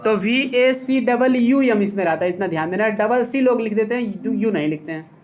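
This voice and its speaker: Guy teaching english grammar, slow explaining, asks "clear?" a lot. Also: sits high, darkish tone, slight background noise. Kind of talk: classroom grammar lesson.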